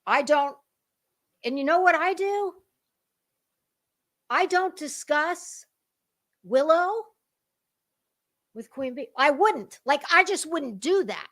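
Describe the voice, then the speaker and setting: Sounding like an online commentator, a high-voiced woman delivers a dramatic yet casual monologue with lively intonation and a slightly bright tone. Her delivery is halting and emphatic, with deliberate pauses and repeated words.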